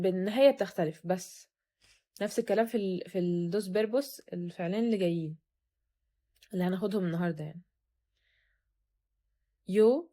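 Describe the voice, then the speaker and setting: A young woman with an Egyptian Arabic accent teaches beginners in a recorded online lesson. She talks at a medium pitch and explains patiently. She drills each verb form with slow, careful repetition. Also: dark tone. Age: young adult. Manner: patient, repeats words slowly for drilling. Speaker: Spanish teacher.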